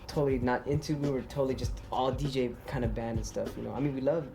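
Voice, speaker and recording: A man, a turntablist, recalling things in an excited, rambling, casual way in a documentary interview. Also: mid-range voice, fast, creaky. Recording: interview with music underneath. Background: hip-hop music.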